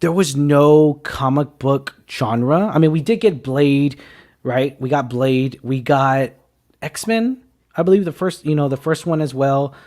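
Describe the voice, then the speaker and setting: A man in his twenties hosting a casual movie talk show, excitable and teasing, with loud bursts. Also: on the high side, a little slow. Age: 20s. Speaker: podcast host. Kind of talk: casual film chat.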